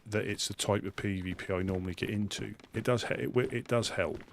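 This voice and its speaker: A man with a Suffolk accent talks casually to his live stream as he plays. His voice sits low, and he rambles, hesitating and breaking off mid-sentence. Light noise runs behind him. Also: fairly even intonation, fairly quick, gravelly. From Suffolk, England.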